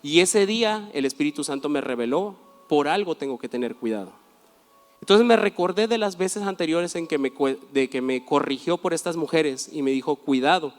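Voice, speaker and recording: Male pastor, fairly high voice, animated storytelling sermon, long hall reverb. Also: fairly quick, few pauses.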